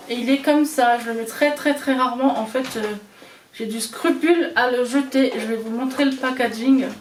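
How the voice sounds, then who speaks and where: A woman with an Alsatian accent talks casually through her makeup as a vlogger, her voice high. She pauses often on fillers. Her voice sounds roomy and a little distant, with clear background noise. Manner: chatty, hesitant with many fillers. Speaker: beauty vlogger. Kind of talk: casual chat showing makeup. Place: small room at home. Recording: roomy echo, away from the mic, noisy.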